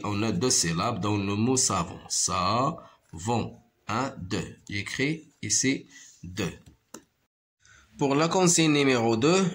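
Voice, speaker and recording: A man teaching a primary school French lesson, repeating each word slowly, counting syllables and explaining in Arabic. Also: mid-range voice. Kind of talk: slow classroom reading lesson.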